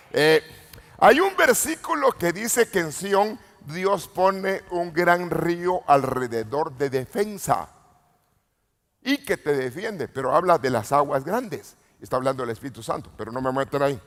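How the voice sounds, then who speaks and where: Fiery preacher man in an echoing hall. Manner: swings between low murmurs and sudden shouted exclamations, calls to the congregation. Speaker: apostle preaching. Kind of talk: Pentecostal sermon. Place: church retreat hall. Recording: long hall reverb.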